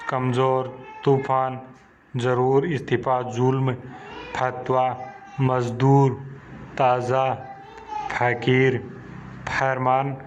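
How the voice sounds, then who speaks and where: A man's voice: on the high side, a little hiss or hum. A man teaching a lesson to children, asking questions and answering them himself in a patient, repetitive way. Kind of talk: slow classroom explanation to children. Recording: dull lo-fi recording.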